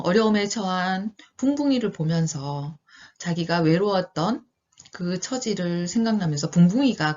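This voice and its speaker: A woman in her fifties, an elementary school teacher, reading a picture book aloud and then talking it over gently with children, pausing often with fillers. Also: fairly low pitch, lo-fi sound. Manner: gentle, questioning teacher talk with many pauses and fillers.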